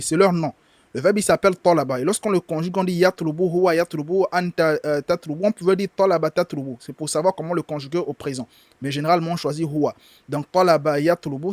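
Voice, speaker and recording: A man's voice: fairly high pitch, no room sound. A man teaching a language class, patiently repeating words and drilling verb conjugations aloud, switching between explanations and careful pronunciation. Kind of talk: live class lesson explaining dialogue and vocabulary.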